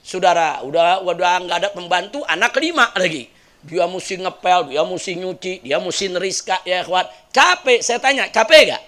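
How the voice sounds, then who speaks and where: A man preaching a sermon, telling lively stories with jokes and questions to the audience. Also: sits high, normal speed.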